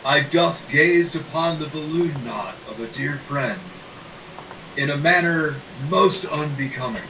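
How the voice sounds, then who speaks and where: A man's voice: fairly high pitch, a little slow. A man playing a befuddled courtly knight in a tabletop game, with pompous mock-archaic phrasing. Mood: solemn befuddlement. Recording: roomy, distant mic, faint noise.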